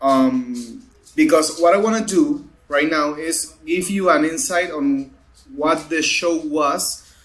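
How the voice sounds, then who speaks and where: A man's voice: a little high, slow, a bit bright. A man appearing as a podcast guest, chatting casually with friends and often stopping to restart. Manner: hesitant, full of restarts and fillers. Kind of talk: casual chat among friends.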